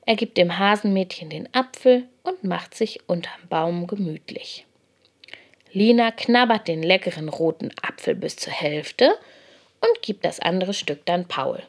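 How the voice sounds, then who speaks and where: A woman reading a children's bedtime story aloud, gentle and expressive. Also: fairly low pitch, measured pace.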